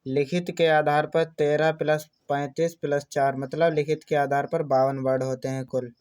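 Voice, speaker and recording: A man's voice: fairly high pitch, a little mellow. A man teaching an exam-prep lesson, reading out terms one at a time in a list-like way. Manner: slow, list-like delivery of terms.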